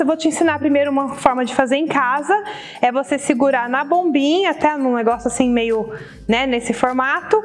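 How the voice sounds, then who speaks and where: A woman in her thirties with a Brazilian accent, chatting through a hands-on demonstration as a tutorial host and often checking in with viewers. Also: high voice. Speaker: balloon decoration tutorial host. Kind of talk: casual instructional demonstration to camera. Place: indoor studio set with balloon wall and table.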